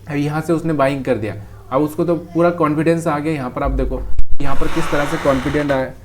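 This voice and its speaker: A man's voice: on the high side, steady tone, fairly quick. Man explaining trading charts. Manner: talks straight to the viewer, calls them brother. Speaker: trading teacher. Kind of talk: casual explanation over a chart.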